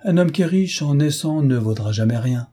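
A man's voice: on the high side, animated, moderate pace, warm tone, husky, voice pushed up. A man reading an audiobook, voicing a pompous, stingy older male scholar who lectures his young assistant. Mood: patronizing. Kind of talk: audiobook character voice.

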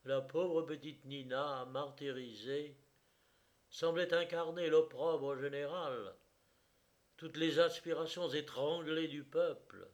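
A man narrating a literary tale slowly and deliberately, with a somewhat high voice. His reading is measured and expressive, letting each phrase land.

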